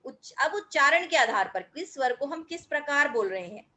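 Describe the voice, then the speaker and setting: Bright high-voiced woman teaching grammar. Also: animated. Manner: patient, explanatory, addresses pupils as children; drawn-out sounds when demonstrating pronunciation. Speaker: school teacher. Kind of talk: recorded Hindi grammar lesson.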